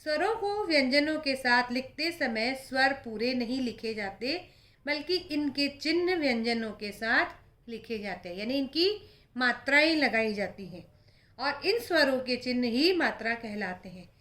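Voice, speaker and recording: Woman, high voice, slow delivery, primary-school teacher, patient, repeats examples. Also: lively intonation, a bit bright. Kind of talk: primary-school grammar lesson.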